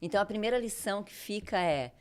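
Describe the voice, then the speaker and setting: A woman's voice: medium pitch, animated, fast talker, clean tone. A woman interviewing a guest, reflective and thinking aloud as she draws lessons from the story. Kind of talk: conversational podcast interview.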